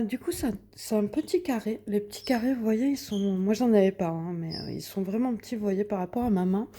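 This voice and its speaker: A young woman chats her way through a show-and-tell vlog of her finished coloring pages, seated at home before a window. Her voice is on the high side with a dark tone, and her talk is hesitant, full of fillers and restarts.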